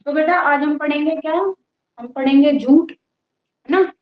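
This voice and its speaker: A woman's voice: high-pitched, fairly even intonation, normal speed. A young woman teaching a casual live online class, chatty and teasing with her students, with a cold and a cough. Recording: roomy, dull lo-fi sound.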